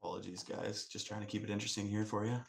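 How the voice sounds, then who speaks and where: A man speaks on a conference call, dialed into a council meeting remotely. His voice is very low and gravelly with a flat, even delivery, and he pauses often on fillers as he walks through a staff report. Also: slight background noise. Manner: halting, with many "uh" and "um" fillers. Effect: joining remotely over a conference call. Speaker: municipal staff member presenting a report.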